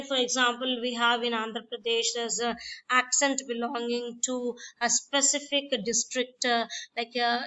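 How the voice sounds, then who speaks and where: A woman with a high, sharp voice lectures in a classroom, explaining her points and repeating herself with fillers. The recording is dull and lo-fi.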